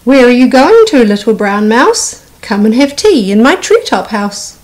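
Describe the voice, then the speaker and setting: Woman as a high, fluttery storybook owl. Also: big pitch swings, normal speed, a little mellow, poor audio. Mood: inviting. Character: genteel male owl, inviting, easily frightened, hooting.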